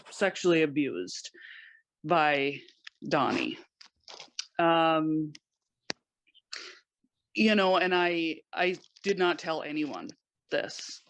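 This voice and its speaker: A woman guest on a podcast, giving personal testimony in a halting way, with many pauses and restarts. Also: low voice.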